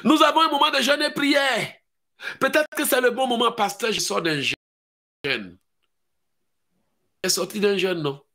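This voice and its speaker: Male Ivorian French pastor, high, bright, fiery preaching with mocking asides. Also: fairly quick, gravelly. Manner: swings between shouted preaching and low mocking voices of doubters. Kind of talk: fiery sermon.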